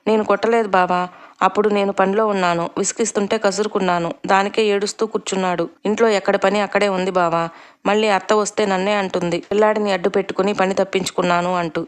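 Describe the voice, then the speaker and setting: A woman's voice: mid-range voice, steady tone, fast talker, natural voice. A woman voicing a defensive young mother in a storybook who talks her way out of blame.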